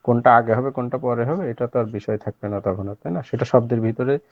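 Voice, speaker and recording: A man's voice: medium pitch, fairly even intonation, quick pace, dry recording. Patient male teacher on a dull video call. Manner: patient, explanatory, many fillers. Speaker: online language teacher. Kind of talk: casual online class. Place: home at night. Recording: slightly dull dry audio.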